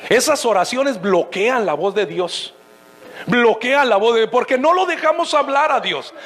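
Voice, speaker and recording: A man preaching a sermon as pastor, rising to shouted bursts. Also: extremely high pitch, lively intonation, a little slow.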